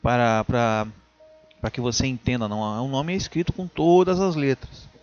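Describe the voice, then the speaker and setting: A man's voice: medium pitch, animated, normal speed, a little mellow, highs cut off, faint music behind. A man explaining a topic in casual talk, hesitant, with many restarts and tag questions. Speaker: video host.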